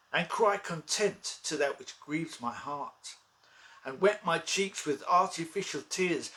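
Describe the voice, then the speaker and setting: A man's voice: high voice, a bit bright, low-quality recording. A man playing a bitter, ambitious, deformed duke in a theatrical, declamatory Shakespearean soliloquy. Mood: menacing, exultant. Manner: theatrical, declamatory, archaic phrasing.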